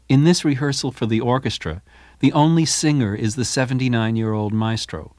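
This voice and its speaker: A man reading a scripted radio review as a classical music critic, with measured storytelling. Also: fairly low pitch, no room sound, clean studio sound. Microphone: studio microphone.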